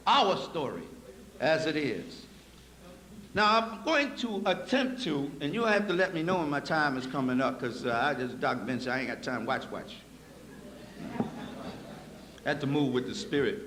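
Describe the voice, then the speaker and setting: Preacherly lecturer with a high bright voice. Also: male voice. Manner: preacherly, swings from low asides to raised emphatic points; folksy, addresses audience as y'all. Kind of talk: live public lecture. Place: hall with live audience. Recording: echoey hall recording with faint noise.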